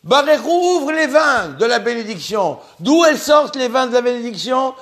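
High-voiced man teaching a religious lesson. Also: very animated, moderate pace, a bit bright. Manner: earnest, with frequent restarts and repeated words.

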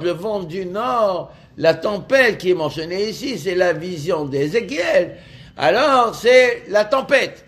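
Male religious teacher, fairly high voice, halting study-lesson delivery with frequent repeated words. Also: a bit bright, husky. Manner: halting, repeats words while explaining each term.

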